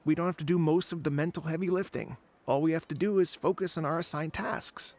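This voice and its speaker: Man acting a creaky, higher-pitched slacker researcher. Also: a little fast, a little mellow, slight background noise, natural voice. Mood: wistful, self-justifying. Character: idle young male researcher, casual, unmotivated excuse-maker. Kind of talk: video game dialogue acting.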